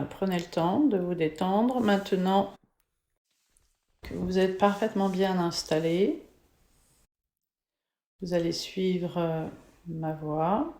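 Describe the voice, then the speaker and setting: A woman leading a guided relaxation meditation in a soothing, gentle, unhurried manner. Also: on the low side. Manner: soothing, slow, gentle spa-like delivery. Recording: echoey, reverberant room.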